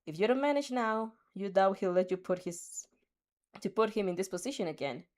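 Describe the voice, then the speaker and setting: Here a fanfiction reader with a mid-range, somewhat mellow voice works through a second-person story at a moderate pace. She often trips on words, starts over, and laughs at herself.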